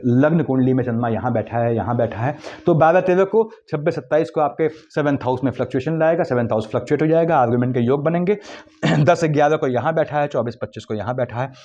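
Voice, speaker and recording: A man giving a quick, lecturing astrology forecast, weaving English terms into his explanations. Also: mid-range voice, a little mellow, lo-fi sound. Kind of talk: monthly horoscope talk.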